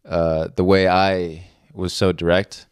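A man's voice: deep voice, level tone, slow pace, smooth, no room sound, clean studio sound. A young man in his early twenties chatting casually on a podcast, rambling and leaning on fillers like "like" and "you know.". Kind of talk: casual chat.

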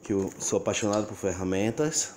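A man with a Brazilian accent narrates a casual unboxing at home, halting and repeating his words, recorded on a handheld phone. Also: lowish voice, lively intonation. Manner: halting, pausing mid-phrase and repeating words. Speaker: giveaway winner unboxing a prize. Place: small furnished room at home, indoors. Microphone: handheld phone behind the camera. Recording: noisy handheld phone recording, handling clicks.

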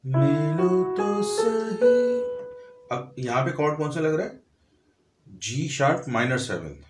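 A man's voice: mid-range voice, animated, normal speed, reverberant. A man teaching a piano lesson, explaining step by step, counting and naming notes aloud. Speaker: music teacher. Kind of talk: piano tutorial.

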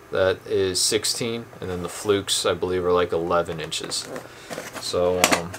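A young man with a low voice talks through a gear demo in a dim room at home, relaxed and plain-spoken with frequent ums. Clattering handling noises come through clearly behind him. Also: very noisy. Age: young adult. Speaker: channel host reviewing boat anchors. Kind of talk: casual product demo.

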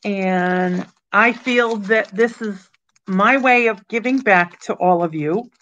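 Taking it slowly in a slightly bright, mid-range voice, a sixtysomething woman runs a relaxed home auction stream over her webcam, greeting viewers by name. The small indoor room and video-call setup give dull, lo-fi sound.

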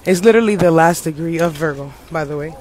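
High-voiced playful man livestreaming. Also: quick pace, a little mellow. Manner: playful, joking, mock announcer voice. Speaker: astrologer. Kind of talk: casual livestream chat. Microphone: phone.

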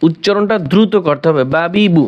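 A man teaching Quran letter sounds in a slow, deliberate spoken lesson, drilling each syllable and repeating it several times, with a Bangladeshi Bengali accent. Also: high voice, highs cut off.

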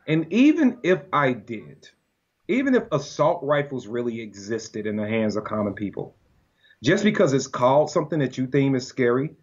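Podcast guest, male, husky, heated and argumentative, lo-fi sound. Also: mid-range voice, normal speed. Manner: animated, argumentative, often acts out quoted voices. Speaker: podcast guest, gun-rights advocate. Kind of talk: casual podcast conversation. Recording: dull lo-fi audio.

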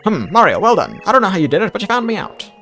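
A smug game ghost passes itself off as a friend in a put-on British accent, as a man performs it. His high voice swoops up and down, full of old-chap charm. Faint game music plays underneath. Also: big pitch swings, very fast, sharp tone, full character voice. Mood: gracious. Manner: chummy, old-chap phrasing. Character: ghost posing as a pompous British turtle.

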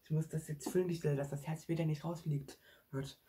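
A man hosting a staged real-life prank vlog, excitable and talking straight to his viewers. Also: a little high, brisk, slight background noise. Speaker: vlog host.

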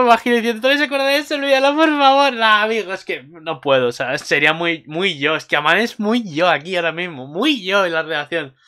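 A young man recapping an anime episode in a gushing, excited way, breaking into high squeals and shouts. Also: smooth. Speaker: anime commentator.

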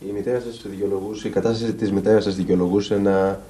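Calm low-voiced male reporter. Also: a little hiss or hum. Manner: calm, formal, measured questions. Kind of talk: news interview questions.

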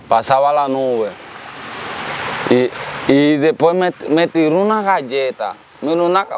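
A man with a Dominican accent, telling his own story in an interview, earnest and repetitive, often thanking God. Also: a little high. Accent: Dominican Spanish. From Dominican Republic. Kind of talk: casual storytelling.

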